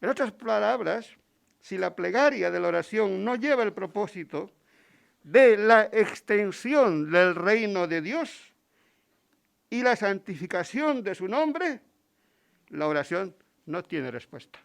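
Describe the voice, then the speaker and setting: A man's voice: high voice, expressive, slow pace, creaky. A man with a Spain Spanish accent preaching a Sunday sermon in church, stopping to ask the congregation rhetorical questions. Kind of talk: Sunday sermon with Bible readings.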